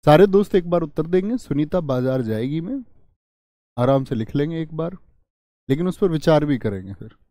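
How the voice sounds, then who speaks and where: A man's voice: a little high, lively intonation, fairly quick, warm tone, no room sound, studio quality. A man teaching Hindi grammar in a live online class with a north Indian Hindi accent. He repeats key phrases to drive them home and answers viewer comments.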